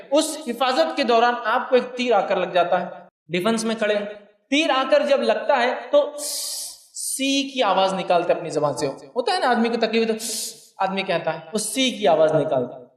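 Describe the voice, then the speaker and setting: A man giving a religious lecture to his listeners. He repeats his points for emphasis and speaks to them directly. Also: extremely high pitch. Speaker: preacher. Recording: echoey hall, mic at a distance.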